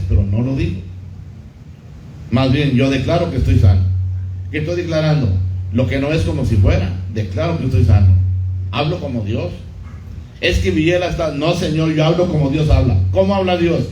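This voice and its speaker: A middle-aged pastor preaching a sermon, who repeats key phrases and puts questions to the congregation. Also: male voice, on the high side, warm tone, slight background noise. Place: church hall. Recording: muffled echoey church recording.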